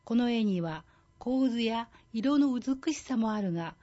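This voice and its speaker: A woman's voice: on the high side, lively intonation, measured pace, dark tone, muffled recording. A woman voicing a polite, loving elderly grandfather with tender, earnest phrasing. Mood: tender, teaching.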